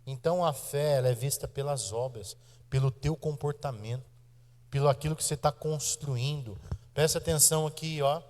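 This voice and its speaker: Brazilian pastor preaching in a reverberant church. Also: male voice, on the high side, moderate pace, darkish tone. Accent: Brazilian Portuguese. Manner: emphatic preaching with shifts of pace, direct address to the congregation. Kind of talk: sermon. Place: church sanctuary.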